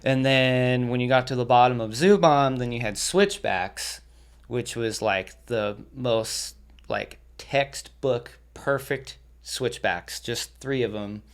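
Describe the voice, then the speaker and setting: A man's voice: mid-range voice, slow, clean tone. A young man, a podcast guest, telling laid-back stories with lots of swearing and laughter. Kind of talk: casual storytelling.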